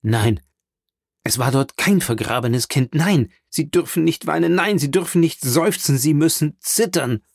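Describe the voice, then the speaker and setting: A man reading a grim, tormented state prosecutor in an audiobook, somber, measured and heavy. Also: on the high side, expressive, no room sound, clean studio sound.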